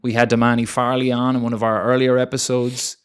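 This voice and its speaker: A man in his young adult years talks local politics on a podcast, his voice sitting at an ordinary mid pitch. He rambles along loosely, full of "you know" and "um". His sentences circle back on themselves as he restarts them. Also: level tone, a little fast, smooth. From Ireland. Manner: rambling, many fillers and restarts. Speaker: podcast co-host. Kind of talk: casual political chat.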